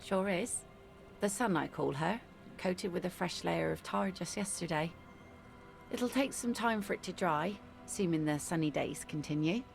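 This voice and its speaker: A woman playing a hardened middle-aged widowed fisherwoman in a video game, talking like an old sailor, dry, blunt and gravelly. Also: on the low side, normal speed, soft background music. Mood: plain. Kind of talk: video game character dialogue.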